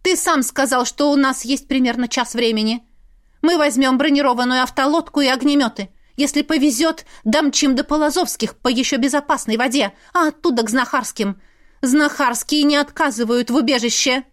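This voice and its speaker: A woman's voice: high-pitched, moderate pace, pitched above the performer's own voice, lightly acted. A woman voicing a frightened, defiant mother. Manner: urgent, pleading exclamations. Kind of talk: audiobook character reading.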